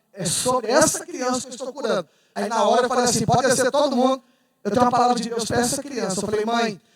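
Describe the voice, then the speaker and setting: A man preaching a fervent sermon as pastor, rising to shouts at the high points and joking with the congregation. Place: church. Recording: echoey church hall, mic far off.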